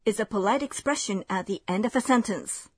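A woman hosting a language lesson, giving clear, measured scripted explanations. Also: mid-range voice, no echo, studio quality.

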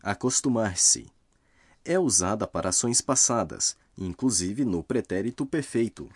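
A man narrating a scripted language lesson, explaining grammar rules slowly and carefully. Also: fairly low pitch, expressive, dry recording, studio quality.

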